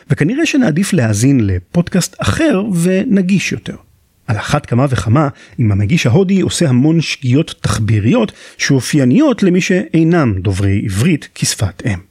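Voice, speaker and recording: A man with an Israeli accent hosts a podcast, reading scripted narration in an articulate, explanatory way. His mid-pitched voice has a rough, husky edge and moves with lively intonation. The sound is dry, with very little room in it. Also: no echo. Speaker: podcast host.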